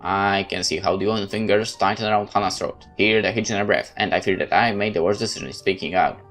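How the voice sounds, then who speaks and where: A game let's-play narrator gives a measured, theatrical first-person reading of a horror visual novel. His voice is lowish and fairly bright, with fairly even intonation, and soft music plays in the background.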